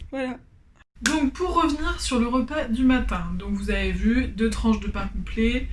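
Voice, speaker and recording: A woman's voice: on the high side, normal speed, reverberant, noisy background. A woman vlogger talking casually and enthusiastically to her viewers, rambling a little as she goes. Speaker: food vlogger. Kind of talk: casual vlog chat.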